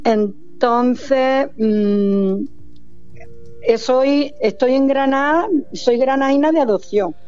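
An older woman from Almería with an Andalusian accent, chatting warmly as a caller on a night radio show, laughing often. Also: high voice, drawn-out words, muffled recording, soft background music. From Almería, Spain.

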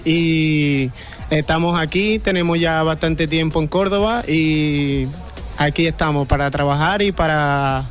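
A man, an urban music singer answering interview questions in a relaxed, earnest way. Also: on the high side, unhurried. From Dominican Republic. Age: 20s.

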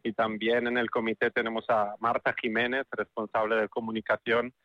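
A man's voice: medium pitch, little pitch movement, normal speed, no room sound, highs cut off. A man from Italy with an Italian accent, speaking as a festival spokesperson in a radio interview, thoughtful and often repeating words as he searches for them.

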